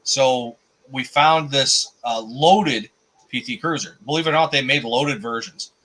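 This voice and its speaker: A man's voice: mid-range voice, measured pace, pushed and bright, poor audio. A man hosting a casual chat, telling a story with animation and laughing at himself.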